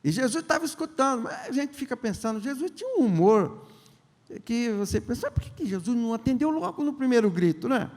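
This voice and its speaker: Older man, bishop preaching, high voice, long church reverb. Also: big pitch swings, darkish tone. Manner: conversational, joking, asks the congregation questions; acts out the characters' lines in quick voices. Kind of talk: sermon. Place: large church hall.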